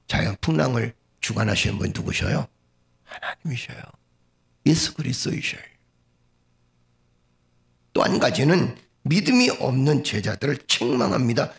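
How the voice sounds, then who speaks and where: Male pastor, gravelly voice, animated sermon delivery that keeps questioning the room. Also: medium pitch. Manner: asks the congregation questions, acts out quoted speech.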